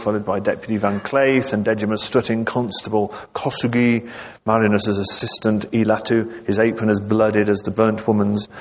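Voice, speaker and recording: A man reading his novel aloud to a live audience, telling the story in a measured way with dry asides. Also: lowish voice. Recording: long reverb of a large hall.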